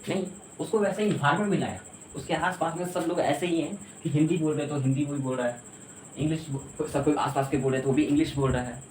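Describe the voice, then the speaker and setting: A man's voice: on the high side, steady tone, quick pace, a little mellow, slight background noise. A man teaching an English lesson in a lecture style, explaining step by step and often checking that his students follow. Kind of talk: classroom lecture. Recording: echoey room.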